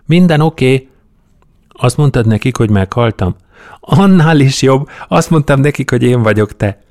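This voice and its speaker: A man's voice: mid-range voice, lively intonation, darkish tone, no room sound, studio quality, voice pushed up, close to an everyday voice. A man doing a cocky carefree young man. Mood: breezy. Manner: breezy, self-assured.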